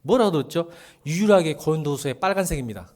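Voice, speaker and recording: Animated pastor with a lively voice. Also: male voice, a little high, fast talker. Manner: animated, joking with the congregation, bursts into shouting. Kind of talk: sermon. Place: church sanctuary.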